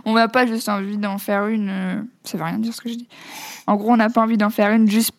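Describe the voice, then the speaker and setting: A woman's voice: mid-range voice, level tone, brisk. A woman appearing as a guest on a live web show, chatting casually, giggling and hesitating with fillers. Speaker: guest, web series creator. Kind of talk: casual chat.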